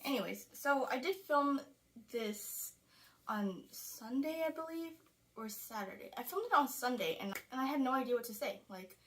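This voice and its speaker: A woman's voice: sits high, expressive, moderate pace, fairly bright tone, a little hiss or hum. Young woman vlogger, rambly and chatty, slightly breathless, small closet room. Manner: rambling, chatty, frequent "like" fillers. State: sweating, a little out of breath. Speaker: beauty vlogger. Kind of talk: casual talking-to-camera vlog. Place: small closet filming space.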